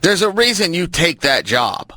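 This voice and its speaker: Chatty male co-host, high pitch, bright forceful tone. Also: sing-song, moderate pace, no echo, clean studio sound. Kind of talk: casual chat.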